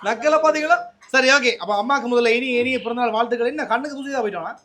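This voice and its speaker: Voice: mid-range voice, rapid-fire, fairly bright tone. A presenter with a Sri Lankan Tamil accent, delivering a surprise gift and chatting in a playful, teasing way. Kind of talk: casual on-camera banter.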